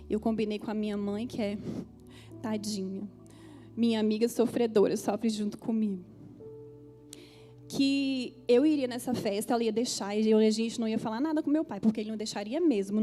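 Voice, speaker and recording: A woman's voice: a little high, fairly even intonation, moderate pace, warm tone, faint music behind. A woman pastor with a Brazilian Portuguese accent preaching a testimony sermon, talking straight to the congregation with feeling. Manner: emotional storytelling, addresses the congregation directly.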